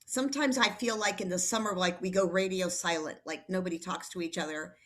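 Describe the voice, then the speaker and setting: Her voice sits lowish and moves fairly quickly as she hosts a training session over video. The presentation is casual, upbeat and meandering, and she sounds a little flustered.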